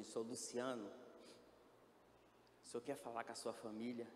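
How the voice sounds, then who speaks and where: A man's voice: medium pitch, a little mellow, slight background noise. Guy telling his story in an echoey church hall, acting out the voices, gets pleading. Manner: acts out quoted dialogue, rising to pleading. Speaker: testimony speaker. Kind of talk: emotional personal testimony. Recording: echoey hall with faint ambience.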